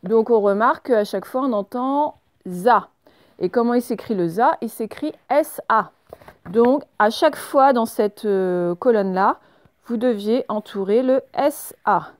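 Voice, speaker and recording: A woman teaches young children to read, speaking slowly and carefully as she spells out each sound. Her voice sits a little high, and the recording is dry and close, with no room sound. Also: no room sound. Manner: slow, clear, instructive, spelling out sounds. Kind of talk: remote reading lesson for young children.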